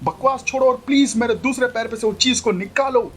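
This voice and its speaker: A man's voice: very high voice, a little fast, slight background noise, voice pushed up. A man voicing a frightened, bossy young bride who pleads and snaps at her companion in an exasperated manner. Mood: annoyed.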